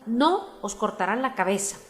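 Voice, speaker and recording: A woman's voice: on the high side, animated, moderate pace, in a large hall, faint music behind, natural voice. A woman reading a storybook and voicing a polite but bold young girl with a raised, firm voice. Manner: courteous, then firm and decided.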